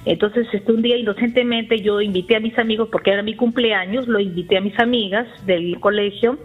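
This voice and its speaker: Caller: woman in her 40s, husky, rambling and confessional, on dull lo-fi audio. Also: medium pitch, fairly even intonation, a little fast. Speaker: radio caller. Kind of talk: call-in confession to a therapist.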